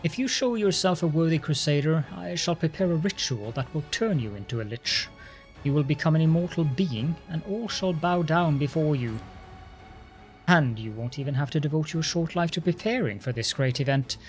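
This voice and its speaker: A man's voice: fairly high pitch, lively intonation, measured pace. An arrogant, sneering undead lich lord acted out by a man from a fantasy game. He speaks with haughty command and imperious disdain, over a bed of music. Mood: arrogant, gloating. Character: arrogant undead lich, lordly old military master. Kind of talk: dramatic voiced game dialogue.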